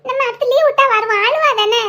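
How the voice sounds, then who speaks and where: A woman voicing a gentle young friend in a cartoon, speaking in a soothing, coaxing way. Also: very high voice, quick pace. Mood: consoling.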